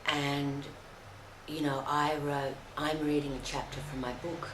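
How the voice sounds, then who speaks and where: A woman commenting on a video, halting and full of restarts. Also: deep voice, flat delivery, echoey room, noisy background. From Australia. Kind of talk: casual commentary.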